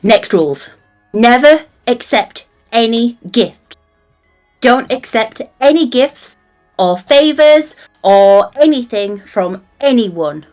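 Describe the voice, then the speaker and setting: A woman's voice: fairly high pitch, animated, slow pace, darkish tone, faint music behind. A woman voicing an exasperated fey woman who lectures like a drill sergeant in a tabletop roleplay, with clipped repeated commands. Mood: stern, commanding. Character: exasperated bossy fey woman lecturing foolish companions on rules.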